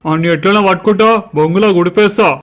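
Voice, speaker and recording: A man's voice: high voice, racing, lightly acted. A man playing a brash, crude male campaign worker who threatens voters, in a Telangana Telugu accent. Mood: crude boastful.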